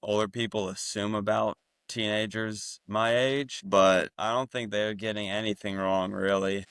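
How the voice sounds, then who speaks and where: A fifteen-year-old young man from the United States with a deep, mature voice like a middle-aged man's, giving casual, understated, slightly hesitant interview answers. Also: little pitch movement, measured pace, a bit bright, clear, resonant tone, dry recording. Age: 15, teenager. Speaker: interview guest, teen athlete.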